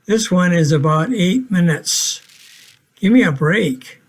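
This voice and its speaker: A man's voice: high voice, expressive, takes it slowly, husky. A man in his eighties from Minnesota, casually narrating a family home video in a plainspoken, matter-of-fact way with dry humor. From Minnesota, USA. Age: 80s.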